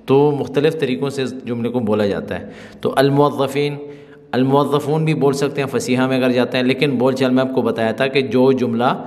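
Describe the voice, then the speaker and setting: A man at a middle pitch gives a spoken-language lesson and repeats example sentences slowly for learners. His voice carries a long reverb from the room around him. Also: a little mellow. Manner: explains slowly, repeating phrases to drill them. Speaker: Arabic teacher.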